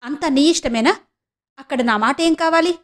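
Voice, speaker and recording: A woman voicing a stern, proud middle-aged mother who scolds her son with sharp questions. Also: sits high, moderate pace, pitched above the performer's own voice, lightly acted. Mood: scolding.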